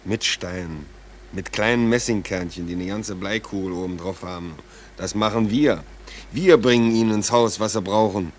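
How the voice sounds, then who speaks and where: An actor playing a cynical, fatalistic ship's stoker in a radio drama, with a curt, sardonic manner. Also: male voice, fairly low pitch, moderate pace, slight background noise, natural voice. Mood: sardonic, resigned.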